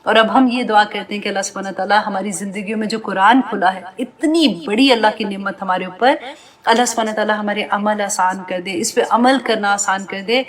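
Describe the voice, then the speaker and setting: A woman's voice: medium pitch, fairly even intonation. A woman teaching a scripture commentary class. She reads verses phrase by phrase, translates each piece, and explains them earnestly while asking her listeners direct questions. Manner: addresses listeners directly, often adding tag questions. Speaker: Quran teacher. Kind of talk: Quran commentary lesson to a class.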